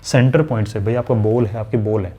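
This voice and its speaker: A man's voice: lowish voice, fairly quick, husky, lo-fi sound. A man teaching a maths lesson in a chatty way, talking straight to his students and acting out their questions. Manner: conversational, addresses students directly, voices their questions. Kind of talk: classroom lesson explanation.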